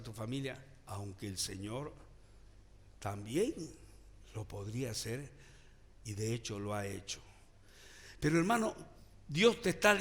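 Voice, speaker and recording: A male pastor preaching a sermon with call-and-response, swinging from loud declarations to hushed lines, in a church. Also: on the high side, in a large hall. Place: church sanctuary, also streamed online.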